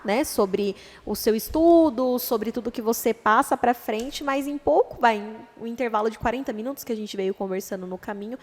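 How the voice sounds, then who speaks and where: High-voiced Brazilian woman host, studio echo. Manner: supportive, frequent short affirmations. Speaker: podcast host and interviewer. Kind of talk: casual podcast interview. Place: recording studio.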